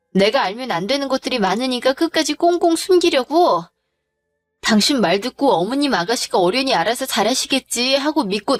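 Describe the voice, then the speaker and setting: A woman's voice: a little high, no echo, close to an everyday voice. A woman voicing an angry wife who firmly confronts her husband and in-laws in a dramatized story. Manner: firm, demanding, accusing.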